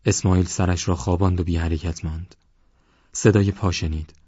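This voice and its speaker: A man narrating a novel as an audiobook reader, steady and measured. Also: sits low, breathy edge, dry recording. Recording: dull lo-fi audio.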